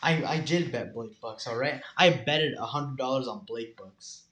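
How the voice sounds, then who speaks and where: A man's voice: medium pitch, normal speed, a bit bright, echoey room. Playful teenage boy with mock-indignant bursts. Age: teens. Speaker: podcast co-host. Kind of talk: casual chat.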